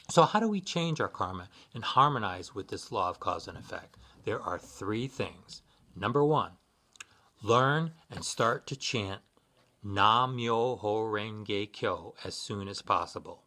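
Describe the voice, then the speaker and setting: A man giving sincere, measured spiritual guidance in a scripted instructional talk, with occasional fillers. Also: on the low side, bright, forceful tone. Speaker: Buddhist practitioner giving guidance.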